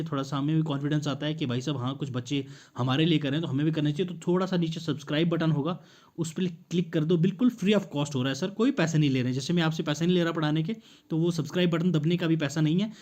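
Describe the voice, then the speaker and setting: Hindi-coaching teacher, higher voice. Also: male voice, fast, darkish tone. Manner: addresses viewers as sir, checks in with "clear?"; mixes Hindi with English phrases. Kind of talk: exam prep lesson with MCQs.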